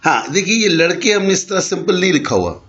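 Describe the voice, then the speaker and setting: A man's voice: high-pitched, very animated, fairly bright tone, highs cut off. A man teaching an Arabic grammar class in Urdu, explaining patiently and mixing in English terms. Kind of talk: online class lecture.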